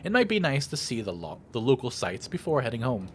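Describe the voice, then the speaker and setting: A let's play host narrates a video game playthrough, reading the on-screen text aloud with theatrical flair and tossing in casual remarks of his own. His mid-range voice moves a little fast, and there's slight background noise.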